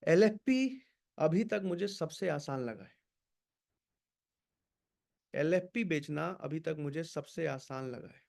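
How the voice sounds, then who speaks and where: A man leading an online sales training session, energetic and urging, switching between Hindi and English words. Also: on the high side.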